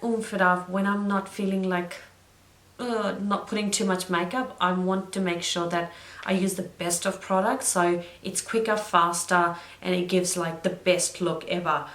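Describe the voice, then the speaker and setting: A young woman chatting through a makeup tutorial, drifting into side stories and correcting herself as she goes. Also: on the low side. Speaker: beauty vlogger. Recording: roomy echo.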